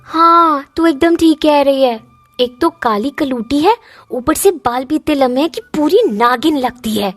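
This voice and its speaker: Spoiled jealous cartoon girl, shrill, bossy, mocking, voiced by a woman. Very high, dry. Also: expressive, unhurried, dry recording, soft background music. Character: spoiled jealous teenage girl, sharp-tongued. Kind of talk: cartoon dubbing.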